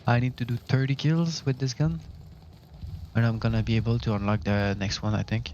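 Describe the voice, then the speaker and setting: A man's voice: mid-range voice, fairly even intonation, a little fast, darkish tone, highs cut off, slight background noise. Quebec French-accented man streaming a shooter. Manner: chatty, self-correcting, mumbles and laughs while playing. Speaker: gaming streamer. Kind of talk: casual live-stream commentary.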